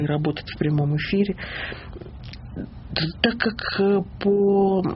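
A woman from Russia's Kemerovo region, speaking in a lowish voice, recounts her story as an interview guest, calm, unhurried and self-assured. There's a faint hiss beneath slightly dull-sounding audio.

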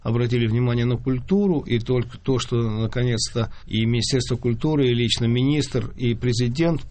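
A man's voice: medium pitch, normal speed, a little mellow. A man in his fifties, a conductor, answering interview questions earnestly and often restarting his words. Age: 50s.

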